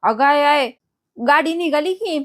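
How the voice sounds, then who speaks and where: A woman's voice: high-pitched, animated, a little slow. Woman retelling as a pushy scheming young man. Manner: pushy, insistent. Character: scheming young man, a factory owner's brother.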